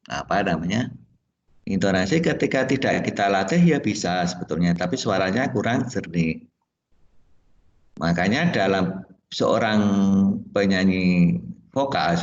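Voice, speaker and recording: An Indonesian male music teacher with a medium-pitched voice gives a plain classroom lesson, occasionally singing solfège notes and asking his class questions. The recording is dull and echoey, with a little hiss or hum.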